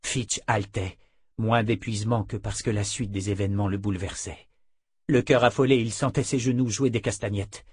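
A man reading a novel aloud in a steady, measured narration. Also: on the low side, slightly rough, dry recording, clean studio sound. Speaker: audiobook narrator. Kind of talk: scripted narration.

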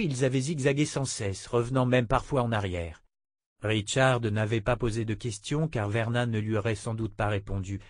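A man narrating a fantasy audiobook in a steady, measured voice. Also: fairly low pitch, no echo, clean studio sound. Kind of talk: scripted narration.

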